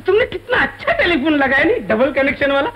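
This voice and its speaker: An actor playing a sly, henpecked middle-aged paying guest, wheedling theatrically in a comic film on a dull old soundtrack. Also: male voice, extremely high pitch, sing-song, fast talker, bright, forceful tone, full character voice. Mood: wheedling innocence. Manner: wheedling, theatrical, protesting innocence. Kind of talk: comic film dialogue in broken colloquial speech.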